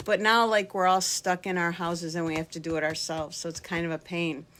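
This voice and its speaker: A woman's voice: on the low side, little pitch movement, fairly quick, fairly bright tone, a little hiss or hum. Chatty middle-aged woman dance teacher. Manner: talkative, joking, acts out voices in her anecdotes. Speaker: line dance instructor. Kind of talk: casual chatty tutorial to camera. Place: home basement.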